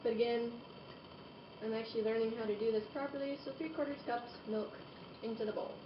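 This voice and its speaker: A woman's voice: a little high, steady tone, brisk. A young woman narrating a casual cooking demonstration in her home kitchen, chatting and making playful asides as she works. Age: young adult. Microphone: camera across the room. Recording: roomy, distant, dull home video audio with background hiss.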